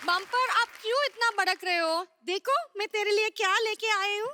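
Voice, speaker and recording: A breezy, flighty elder sister, as a woman plays her, mangling her grammar in a studio sitcom sketch. The voice is very high and bright. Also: moderate pace.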